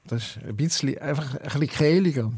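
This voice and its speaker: A poet with a St. Gallen Swiss German accent, talking thoughtfully in an interview and hesitating often. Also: male voice, medium pitch, a little fast, gravelly, darkish tone, slightly rough, no room sound, studio quality. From eastern Switzerland. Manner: rhythmic, chanting recitation when reading poems. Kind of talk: interview and poetry reading.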